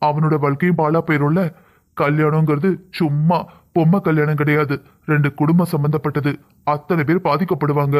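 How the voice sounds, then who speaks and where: A man's voice: fairly high pitch, darkish tone, close to an everyday voice. A man voicing a stern, impatient husband in a cartoon, curt and lecturing. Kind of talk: cartoon voice acting.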